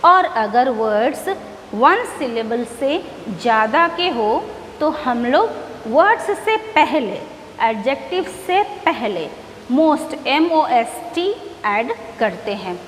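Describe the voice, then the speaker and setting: A woman teaching an English grammar lesson, explaining slowly and repeating each word. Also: on the high side, sing-song, a bit bright. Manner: slow, repetitive explaining, mixing English words. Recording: echoey room with faint background noise.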